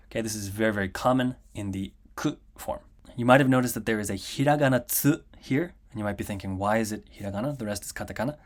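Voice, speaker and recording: A man teaching a slide-based language lesson, explaining step by step and slowly modeling pronunciation. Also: medium pitch. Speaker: Japanese teacher.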